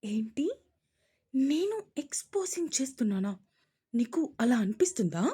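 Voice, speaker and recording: A woman's voice: very animated, warm tone, breathy edge, exaggerated voice. A woman doing a feisty indignant young wife. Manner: shrill, quick, scolding.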